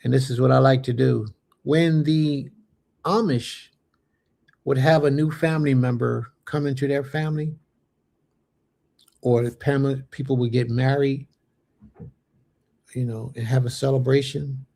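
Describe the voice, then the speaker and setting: This host of a religious fellowship livestream, a man in his late thirties, speaks in a mellow mid-range voice that stays fairly even and unhurried, with vocal fry and frequent pauses. He reads comments from viewers aloud, answers them conversationally, and drops in Hebrew blessings.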